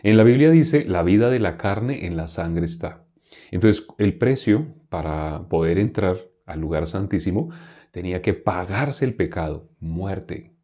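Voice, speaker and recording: A man with a low, mellow voice gives a conversational Bible-teaching sermon. He keeps asking his listeners questions and sometimes mimics people straining in prayer. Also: animated, measured pace. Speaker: preacher.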